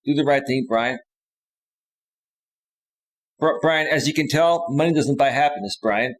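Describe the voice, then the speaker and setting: Speaking at an unhurried pace and medium pitch, this man runs a live stream. He talks casually and spontaneously, using slangy, repetitive language and pressing direct address at his audience.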